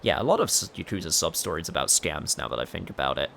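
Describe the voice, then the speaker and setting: Lively young man commentating a game. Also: very deep voice, fast, gravelly, a little hiss or hum. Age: young adult. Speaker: gaming video host. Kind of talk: casual gameplay commentary with game lines read aloud. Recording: music behind the voice.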